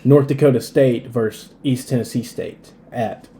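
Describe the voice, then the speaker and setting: A man's voice: mid-range voice, normal speed, mellow. A man on a casual sports podcast, laying out his betting picks matter-of-factly. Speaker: podcast co-host.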